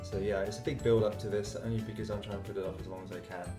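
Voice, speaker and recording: A man's voice: lowish voice, steady tone, very fast. A young adult man talking casually to camera as a YouTuber, recorded in a small room at arm's length. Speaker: YouTuber doing a challenge. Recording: roomy echo, music behind.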